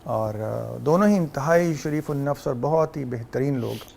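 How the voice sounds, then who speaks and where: A man with a Pakistani Urdu accent, a guest on a talk show, telling stories in an animated way and sometimes mimicking Arabic phrases. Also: mid-range voice, creaky, slight background noise. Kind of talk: casual talk show conversation.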